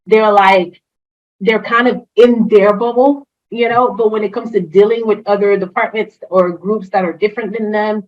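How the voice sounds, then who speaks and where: Guesting on a casual interview chat, an enthusiastic HR consultant talks with many fillers and restarts. She's from a Haitian family, grew up speaking French and Creole, and French is her first language. She speaks at normal speed in a medium-pitched voice with fairly even intonation, and the sound is lo-fi.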